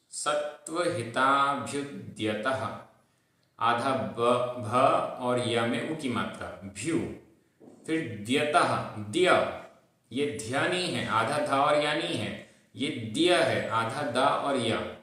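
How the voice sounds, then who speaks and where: A man's voice: medium pitch, fairly bright tone. A man teaching a lesson on reciting verses, patiently repeating syllables to drill their pronunciation. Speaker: Prakrit teacher. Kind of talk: recorded lesson on chanting and meaning of Sanskrit verses. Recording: very echoey room.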